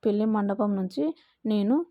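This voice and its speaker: A woman narrating a first-person story in a slow, emotional way. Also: mid-range voice, fairly even intonation, no echo, phone-quality sound.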